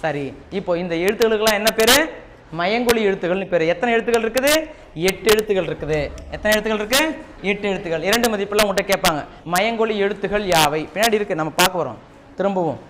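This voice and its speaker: A man's voice: sits high, fast talker. A man teaching a Tamil class with a Tamil Nadu accent, repeating key points and quizzing his students. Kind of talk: classroom lesson. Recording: noisy classroom recording.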